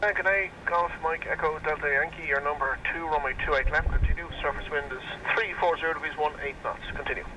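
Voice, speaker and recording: A man working as an air traffic controller, heard over a radio transmission and giving clipped, rapid radio calls. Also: fairly high pitch, steady tone. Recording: distant radio feed with loud airfield noise.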